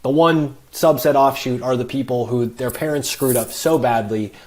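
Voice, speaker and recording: Podcast guest: financial advisor, man, mid-pitched voice, emphatic and explanatory. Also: moderate pace, darkish tone. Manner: emphatic, explains with worked examples. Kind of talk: podcast conversation.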